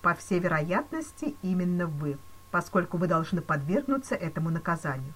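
In a storybook reading, a woman with a fairly low, sing-song voice plays a male police chief. Speaking at normal speed, she has the solemn, mock-sympathetic chief deliver dire news gravely and regretfully.

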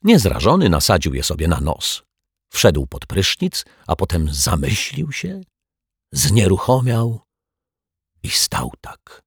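Deep-voiced guy reading a kids' story, husky, really lively delivery. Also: measured pace, dry recording, clean studio sound. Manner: playful storytelling, addresses the listener. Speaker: audiobook narrator. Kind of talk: children's audiobook narration.

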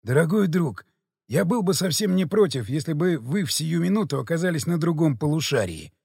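Brief: male reader doing a composed foreign commander, icy courtesy, lively pitch, dry booth sound. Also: husky, no room sound, heavily acted. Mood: calm, cool. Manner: precise, measured, politely venomous. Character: calm, coldly sarcastic foreign man, expedition leader.

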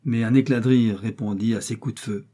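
A man narrating a classic adventure novel as an audiobook, in dramatic, measured storytelling. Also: on the low side, fairly even intonation, mellow. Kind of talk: scripted narration.

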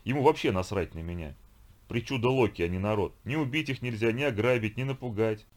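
A man voicing a huge, hot-tempered bearded viking who curses and shouts in exasperation. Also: lowish voice, a little fast, lightly acted. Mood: gruff, exasperated. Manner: loud, cursing, exasperated shouting.

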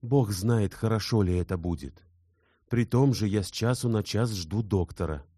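An anxious young gentleman speaks with earnest urgency, trying to calm and reassure, as a male reader voices him. His voice sits fairly low and a little raised. The sound is close and dry. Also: normal speed, slightly rough, dry recording. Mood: reassuring.

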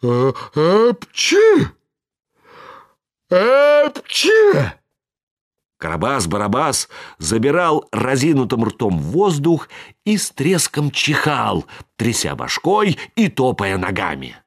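A narrator reading a fairy tale aloud with expressive, dramatic delivery. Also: mid-range voice, measured pace, husky. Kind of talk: storybook reading.

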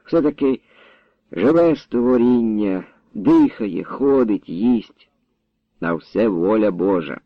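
A man voicing a sleepy, gentle young village lad who talks in a mild, drowsy way. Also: on the low side, animated, takes it slowly, no room sound. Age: young adult. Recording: dull, dry recording.

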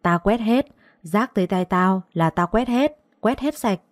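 A woman's voice: medium pitch, animated, measured pace, no room sound, studio quality, natural voice. A woman voicing a stubborn, defiant young servant girl who talks back to her masters. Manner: defiant, mocking.

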